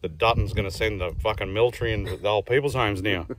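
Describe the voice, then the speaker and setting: A man's voice: lowish voice, quick pace. A middle-aged man with an Australian accent hosts a casual beer review outdoors, talking bluntly and joking, with plenty of swearing, filmed on a phone held at arm's length. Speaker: host. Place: outdoors under a tree in the country. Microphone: phone camera at arm's length. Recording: loud outdoor background noise.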